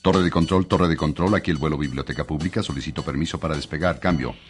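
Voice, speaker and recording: A very deep, quick-talking airline pilot speaks over his cockpit headset radio to the control tower. He keeps to clipped radio procedure and signs off each call. The voice sounds distant, with loud music behind it. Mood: formal. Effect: pilot's radio transmission from a cockpit headset.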